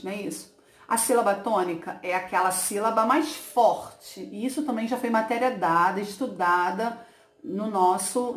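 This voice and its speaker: A woman's voice: fairly high pitch, reverberant. A woman teacher going over a lesson for her pupils, explaining patiently and often checking in to make sure they follow. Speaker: schoolteacher. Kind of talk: recorded remote lesson for pupils.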